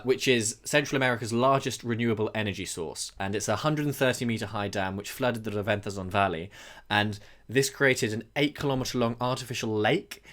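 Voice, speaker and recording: A man co-hosting a wildlife podcast, explaining things thoughtfully with frequent pauses and restarts. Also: lowish voice, fairly bright tone. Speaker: podcast co-host. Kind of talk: conversational podcast discussion.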